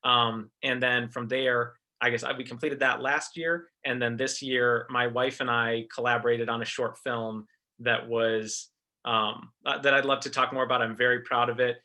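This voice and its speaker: A man's voice: mid-range voice, flat delivery, normal speed, pushed and bright. A man from American Samoa who teaches film, introducing himself casually on a video-call panel with lots of ums and restarts. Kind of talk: panel discussion, personal intro.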